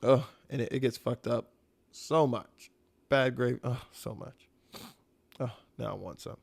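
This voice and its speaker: A man's voice: medium pitch, a little slow, vocal fry, breathy edge. A young man from the American South hosting a casual solo podcast, talking about food with enthusiastic, rambling energy and casual swearing. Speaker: podcast host.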